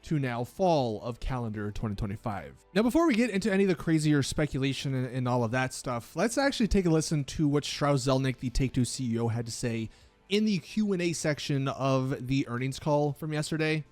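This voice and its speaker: A video host delivers gaming news commentary, explaining things in an emphatic, casual way. His medium-pitched voice is animated and fairly quick with a darkish tone, recorded dry with background music underneath.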